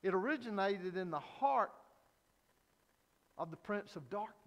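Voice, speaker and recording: A man's voice: high voice, lively intonation, a little slow, long reverb tail. A man preaching an evening sermon at a pulpit microphone, telling a story earnestly with frequent hesitant fillers. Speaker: pastor.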